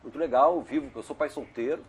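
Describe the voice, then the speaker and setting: This interview guest is a middle-aged male doctor on a video call, speaking briskly at medium pitch. He chats informally, goes off on tangents, and keeps adding "né?", with a little hiss or hum in the background.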